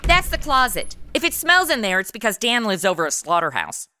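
A woman's voice: a little high, sing-song, brisk, bright, forceful tone, slight background noise. An actress playing a flippant, sassy young modern woman who fancies herself a sleuth, chatting in slang in a comedic radio drama. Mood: flippant, amused.

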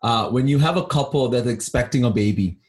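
A man's voice: medium pitch, brisk. A man co-hosting a ministry podcast from an office, upbeat and chatty. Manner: upbeat, many fillers and restarts. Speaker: podcast co-host. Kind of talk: podcast conversation. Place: office in Toronto.

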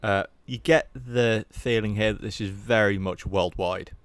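A young man talks through a film in relaxed conversation. His voice sits low and comes across smooth and clean. The sound is close and dry, with no room around it. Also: unhurried, dry recording. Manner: candid, rambling, swears casually. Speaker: podcast co-host. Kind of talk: casual film review chat.

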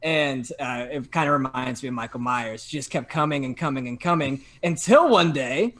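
A young man telling a story in casual chat, animated and full of fillers and restarts. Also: medium pitch, moderate pace. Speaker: podcast guest telling a story.

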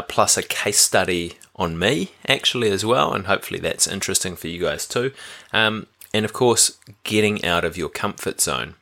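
A man hosting a podcast, chatty and relaxed, with frequent fillers. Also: on the low side. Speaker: podcast host. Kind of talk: casual podcast chat.

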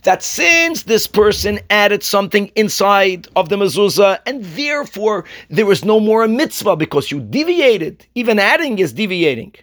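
High-voiced man teaching a religious lesson. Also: very animated, fairly bright tone. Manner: emphatic, deliberate, repeats key phrases for stress. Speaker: rabbi teaching religious law. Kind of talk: religious lesson, reading and explaining a text.

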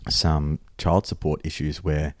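A man's voice: rumbling low, little pitch movement, measured pace, no room sound, clean studio sound. An Australian man co-hosting a podcast, talking casually and bluntly and telling stories in a conversational way. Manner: blunt, sweary. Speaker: podcast co-host.

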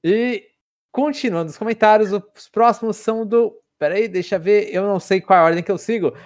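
A man's voice: high voice, fairly quick. A young man with a Brazilian accent hosting a casual podcast, hesitantly repeating words as he talks. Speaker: podcast host.

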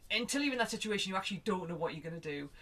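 A woman's voice: medium pitch, animated, rapid-fire, fairly bright tone. A woman, speaking as a guest in a reflective conversation, thinking aloud with restarts and quoted asides. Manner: acts out her own thoughts in quoted asides.

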